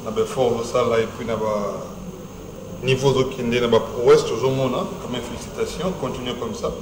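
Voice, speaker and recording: A man's voice: medium pitch, fairly even intonation, normal speed, echoey room, background noise. A man with a Congolese accent hosting a studio talk show, speaking emphatically and rhetorically. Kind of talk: studio talk show, mixing French and Lingala. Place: TV studio set.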